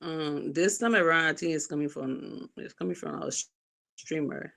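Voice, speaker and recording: A woman chairing a program, speaking quietly and hesitantly over a video call whose choppy audio keeps breaking up. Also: low-pitched, moderate pace, vocal fry. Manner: quiet and hesitant, with many fillers. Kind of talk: casual talk on a video call. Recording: distant, glitching online call audio.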